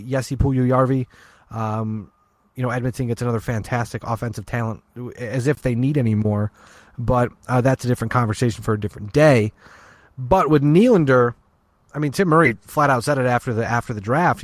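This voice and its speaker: A man's voice: medium pitch, dry recording. A man co-hosting a sports podcast, chatting casually with many restarts and fillers. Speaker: podcast co-host.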